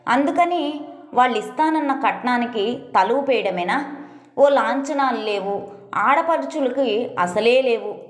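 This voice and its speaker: A woman's voice: on the high side, animated, unhurried, reverberant. A woman voicing an indignant middle-aged wife and mother who argues sharply and reproachfully.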